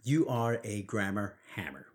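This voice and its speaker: A man's voice: fairly low pitch, big pitch swings, unhurried. A man with a Brooklyn accent, a native Spanish speaker, bantering emphatically as a co-host in casual chat. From Brooklyn, New York.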